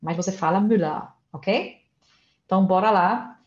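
A woman's voice: medium pitch, slow, a little mellow, roomy sound, dull audio. A woman teaching German in a casual online lesson, spelling out letters and explaining pronunciation step by step.

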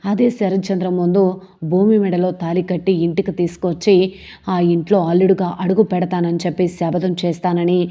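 A woman retelling a TV serial episode, reading every character's lines in her own steady voice. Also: fairly low pitch, brisk. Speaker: serial recap narrator.

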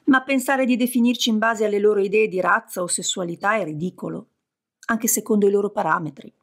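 A woman reading the lines of a dreamy, wistful male deity in an audiobook, musing and earnest, with a husky, gravelly voice. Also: medium pitch, brisk, close to an everyday voice.

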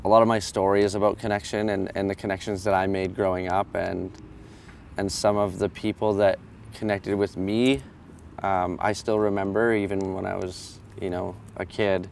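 A hip hop artist speaking earnestly in an interview while seated on outdoor steps. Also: male voice, sits low, flat delivery, moderate pace, creaky, a little mellow, slight background noise. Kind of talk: interview talk. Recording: music bed under the voice. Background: music.

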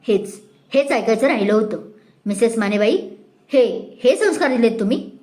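A furious high-society matron, voiced by a woman. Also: takes it slowly. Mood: indignant. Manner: indignant, scolding, sharp. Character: angry proud middle-aged woman, prospective mother-in-law.

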